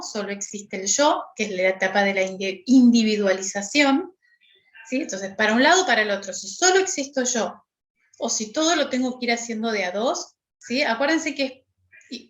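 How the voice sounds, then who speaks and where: A woman's voice: on the high side, animated, moderate pace, fairly bright tone. Rioplatense woman teaching in an echoey room. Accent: Rioplatense Spanish. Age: middle-aged. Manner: explanatory, often checks with "¿sí?". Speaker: workshop teacher. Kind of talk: online class lecture.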